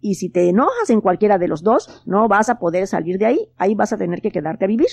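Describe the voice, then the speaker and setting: A woman voicing a small mischievous male forest elf for a storybook, high and teasing. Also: big pitch swings, fast, creaky, darkish tone, husky, no room sound, exaggerated voice. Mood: explaining.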